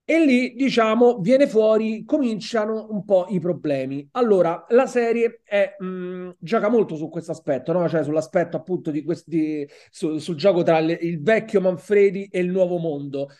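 A man's voice: high voice, normal speed, hardly any pauses, warm tone. A man with an Italian accent co-hosting a podcast, chatting casually about a TV series and often repeating words while he searches for the next one. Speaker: podcast co-host. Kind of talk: casual film and TV review chat.

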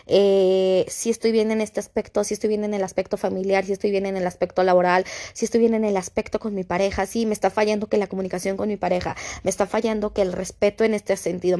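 A young Mexican woman hosting a podcast, talking casually and acting out quoted voices with big jumps in pitch. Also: dark tone. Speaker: podcast host. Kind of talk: casual monologue.

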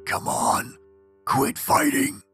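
A man's voice: slow pace, a bit bright, soft background music. A man voicing a menacing ghost woman in a horror story, commanding and repetitive, with a strained, horrifying screech. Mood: menacing, insistent. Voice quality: shrieking, strained, like a dying cat.

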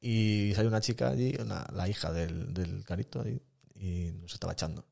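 A man tells stories at a quick clip. His voice sits low and carries a gravelly fry. He talks loosely, acting out little bits of dialogue as he goes. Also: warm tone. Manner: fast anecdotal storytelling, acts out voices. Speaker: guest skater. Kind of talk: casual storytelling chat.

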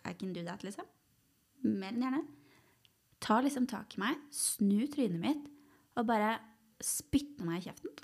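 A young woman co-hosting a casual podcast, blunt and teasing, quick to laugh. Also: medium pitch, expressive, darkish tone, slightly rough. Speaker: podcast co-host. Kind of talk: casual chat.

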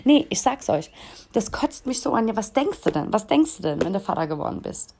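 A woman's voice: medium pitch, very animated, brisk, dark tone. A woman in her thirties hosting a podcast, delivering a blunt, crude, comedic rant in an exasperated tone. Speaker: podcast host.

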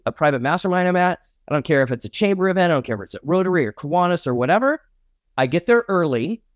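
A middle-aged man, a networking expert guest, talking with punchy enthusiasm in an interview. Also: no room sound. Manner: enthusiastic, punchy, acts out his own pitches. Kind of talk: energetic interview talk.

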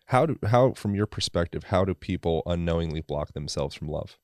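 A man's voice: sits low, lively intonation, brisk, darkish tone, dry recording, studio quality. A man hosting a podcast, chatting loosely and searching for words in a casual interview. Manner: loose, searching, full of fillers. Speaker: podcast host.

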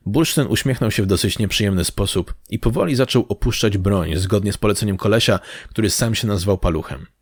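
Male audiobook narrator, lowish voice, steady and even, dry close recording. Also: brisk, hardly any pauses, breathy edge, no echo.

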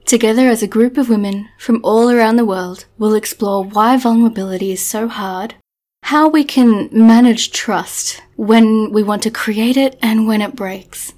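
A woman's voice: a little high, a little mellow. Woman reading a podcast intro. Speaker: podcast host.

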